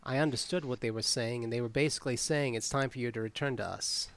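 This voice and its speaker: A man's voice: medium pitch, fairly even intonation, fast, smooth. A man playing his character in a tabletop game, speaking earnestly with hesitations. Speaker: player. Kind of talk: in-character tabletop role-play.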